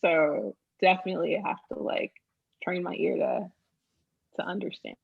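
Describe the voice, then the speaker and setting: A woman host from Boston, with a husky, gravelly voice. She chats casually and laughs often. Her recording sounds dull and lo-fi. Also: fairly low pitch, lively intonation, moderate pace. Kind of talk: casual chat. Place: lives in Portugal.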